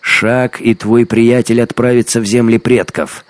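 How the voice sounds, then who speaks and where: A man voicing a brutal, gloating young male hunter who shouts and mocks in a storybook reading. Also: sits low, lively intonation, measured pace, vocal fry, dry recording, exaggerated voice. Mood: menacing. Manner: shouting, menacing, mocking. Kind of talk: audiobook character acting.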